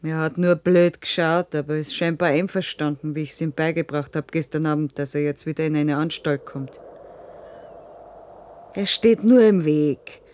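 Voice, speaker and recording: A woman playing a calculating village widow in a radio play, speaking in a flat, plotting way. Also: sits low, moderate pace, slight background noise, natural voice. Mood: scheming. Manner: matter-of-fact, plotting.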